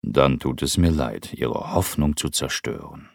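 A man's voice: a bass voice, a little slow, gravelly, no echo, studio quality, heavily acted. A man reading an audiobook and voicing a weary, bitter nobleman who answers with curt, resigned retorts. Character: weary, bitter aristocratic man, tired of life.

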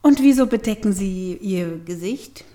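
Woman narrator, slow delivery, wry comic tone, whispered asides. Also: mid-range voice. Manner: lively, wry first-person storytelling with whispered asides. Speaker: audiobook narrator. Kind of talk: first-person comedic audiobook narration.

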